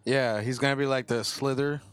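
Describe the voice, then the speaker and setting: A man's voice: medium pitch, fairly even intonation, a little fast, a little hiss or hum. A man co-hosting a casual podcast, rambling with restarts and casual swearing. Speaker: podcast co-host. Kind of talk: casual chat.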